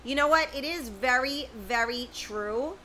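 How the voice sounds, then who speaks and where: On a low-quality recording with slight background noise, a middle-aged woman runs a laid-back livestream, going through viewer comments and talking straight to viewers by name. Her high voice is pushed and bright, and her pace is measured.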